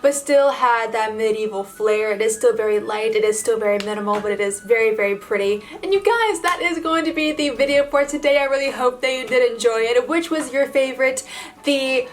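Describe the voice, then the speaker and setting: A woman's voice: on the high side, fairly even intonation, fairly quick. A woman vlogger talking casually to her viewers in a bubbly, gushing, informal way, as in a makeup tutorial. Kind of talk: casual chatty vlog tutorial addressed to viewers.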